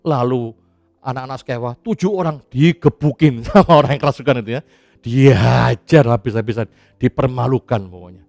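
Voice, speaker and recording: A man preaching a sermon as pastor, in a chatty, animated way with casual asides and frequent laughs. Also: mid-range voice, gravelly, no room sound.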